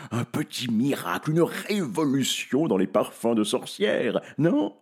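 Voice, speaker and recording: A man voicing a lazy, grubby, self-satisfied gentleman who boasts loudly and showily, in a children's storybook reading. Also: mid-range voice, big pitch swings, measured pace, breathy edge, voice pushed up. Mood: boastful. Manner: boastful, loud and showy.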